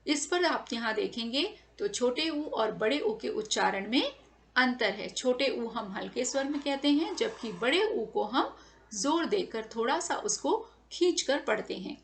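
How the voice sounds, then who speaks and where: A woman's voice: fairly high pitch, animated, a little slow, vocal fry. A woman teacher giving a careful lesson to children, stretching and stressing each sound as she says it over slides.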